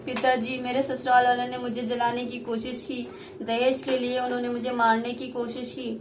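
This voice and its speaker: Young woman voicing meek daughter-in-law, pleading, submissive, fairly high voice, puppet play, faint background hiss. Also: completely flat delivery, moderate pace, close to an everyday voice. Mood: distressed.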